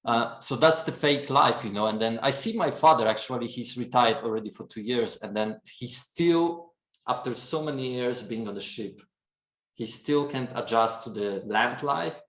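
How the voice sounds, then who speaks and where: Podcast guest, Polish accent, rambling storyteller in a roomy room. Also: male voice, medium pitch, normal speed, a bit bright. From Poland. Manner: chatty, laughs often, fills with "and then" and "you know". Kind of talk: casual storytelling chat.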